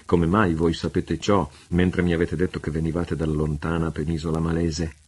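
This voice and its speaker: A courteous older English lord in a classic adventure novel, read by a man. He speaks formally and politely. The voice is deep and a little husky. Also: flat delivery, normal speed, a little mellow.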